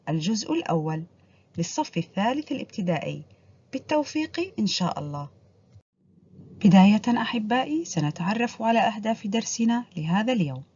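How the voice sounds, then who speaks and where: A woman teaching a primary school reading lesson, speaking clearly and patiently to children. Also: on the high side, a little mellow. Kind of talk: recorded online reading lesson. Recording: dull lo-fi recording.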